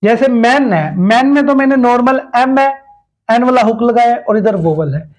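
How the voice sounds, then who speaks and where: A man's voice: extremely high pitch, expressive, normal speed, faint music behind, rough recording. A man teaching a step-by-step shorthand lesson, patiently repeating each rule with examples.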